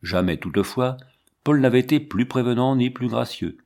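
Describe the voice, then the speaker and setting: A man narrating a classic story as an audiobook reader, in a measured way. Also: medium pitch, lively intonation, a little mellow. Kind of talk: scripted literary narration.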